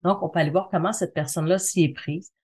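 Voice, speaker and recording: With a fairly low pitch, a darkish, breathy edge, and a steady tone, a middle-aged woman explains things quickly as an interview guest. She has a Quebec French accent, works as a communication consultant and trainer, and repeats phrases for emphasis in conversational talk.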